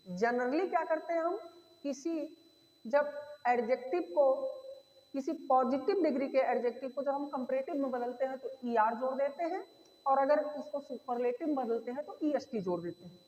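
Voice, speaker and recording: High-voiced woman teaching in an echoey room. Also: darkish tone. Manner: repeats key points, addresses students as beta; slows to spell out words. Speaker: English teacher. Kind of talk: Hindi grammar lesson. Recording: echoey room with long reverb.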